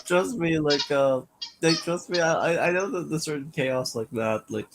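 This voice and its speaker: A woman's voice: deep voice, moderate pace, noisy background. A woman co-hosting a casual live stream, laughing a lot, saying "like" often and repeating her words.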